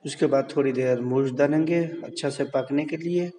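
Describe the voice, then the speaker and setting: Standing at the stove, a man walks viewers through a home cooking video one step at a time, slow and repetitive, and keeps asking them to subscribe. He's a cooking vlogger with a warm, mid-range voice and fairly even intonation, recorded with a long reverb tail.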